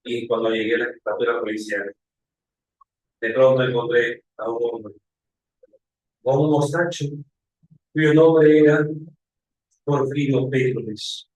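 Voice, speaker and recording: A man's voice: medium pitch, fairly even intonation, a little slow, pauses often, darkish tone. Theatrical man telling a story in first person. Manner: theatrical, acting out the scene. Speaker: literature teacher. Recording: echoey room.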